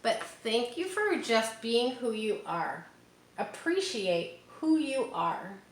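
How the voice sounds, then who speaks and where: Reading a picture book aloud for kids, a woman speaks slowly in a fairly high voice that swings widely in pitch. She addresses the children directly with encouragement and offhand remarks. There's a roomy echo and faint noise behind her.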